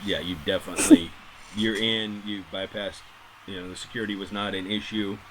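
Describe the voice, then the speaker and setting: Low-voiced man running the game. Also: brisk, a crowd in the background. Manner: relaxed, instructive, with fillers. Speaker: game master. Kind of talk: narrating a tabletop game. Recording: noisy home mic.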